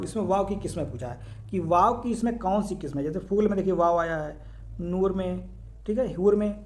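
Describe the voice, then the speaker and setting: A man's voice: high voice, a little mellow. A man teaching an exam-prep grammar lesson, explaining step by step, asking and answering his own questions and often checking that students follow. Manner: repeats key terms and checks understanding.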